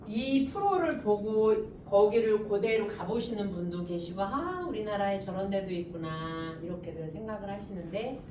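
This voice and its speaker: Woman, middle-aged, humorous lecture, echoey hall, distant mic with room noise. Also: medium pitch. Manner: lively, joking, laughs often. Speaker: professor giving a lecture.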